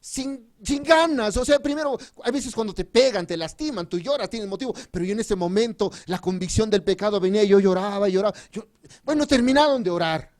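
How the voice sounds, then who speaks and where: A man from Mexico preaching a sermon with a personal testimony at a church retreat. He is fervent and swings between loud emphasis and quiet, confiding asides. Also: high-pitched, fast talker.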